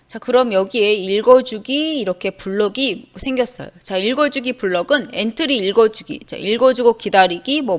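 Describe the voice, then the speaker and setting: Female teacher, a little high-pitched, patient step-by-step coding walkthrough. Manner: patient, step-by-step, starts sentences with "ja". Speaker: elementary school teacher. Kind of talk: screen-recorded coding lesson.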